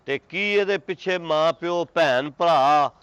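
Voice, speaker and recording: A man playing a calm, concerned village man who speaks in a measured way. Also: on the high side, clear, resonant tone, no room sound. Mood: grave. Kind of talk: comedy sketch acting. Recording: dry, dull lo-fi recording.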